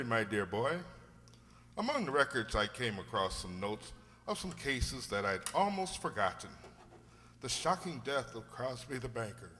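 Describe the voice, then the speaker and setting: A man acts a genial older English doctor in an old radio play. The voice swoops in lively, bright exclamations, hearty and avuncular, with long hall reverb around it. He is a sentimental storyteller at heart. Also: medium pitch, slight background noise. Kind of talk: old-time radio drama acting.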